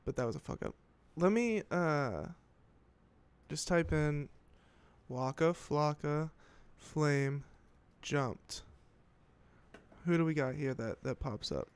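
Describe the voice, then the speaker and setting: A podcast host with a slightly high, smooth, expressive voice speaks slowly and pauses often on a casual commentary show. He rambles and swears as he reads headlines, reacting to them while interrupting himself and restarting frequently.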